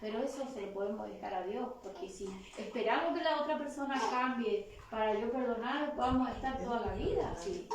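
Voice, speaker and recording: Woman preacher with a Chilean accent, high voice, quizzing her audience; caught from afar with faint background noise. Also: fairly quick, few pauses. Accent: Chilean Spanish. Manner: questions the audience and leads call-and-response. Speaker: speaker at a church retreat. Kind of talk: interactive sermon. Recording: echoey hall picked up from far off.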